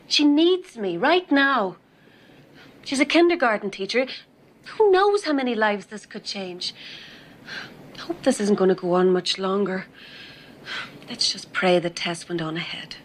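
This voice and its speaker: A woman playing a naive, earnest angel in a TV drama, innocent and halting. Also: mid-range voice, animated. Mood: flustered, earnest. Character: naive, earnest female angel stuck in human form. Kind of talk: TV drama acting. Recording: faint background noise.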